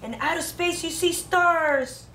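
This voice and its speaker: Speaking slowly in an extremely high, pushed, bright voice, a woman in her thirties teaches young children a craft lesson. This preschool teacher is sing-song and exclamatory, and the indoor classroom adds roomy echo and faint background noise.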